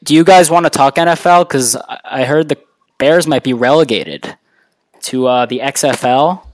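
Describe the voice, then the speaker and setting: A man's voice: medium pitch, moderate pace. A man co-hosting a casual sports podcast, rambling and sarcastic. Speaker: podcast co-host.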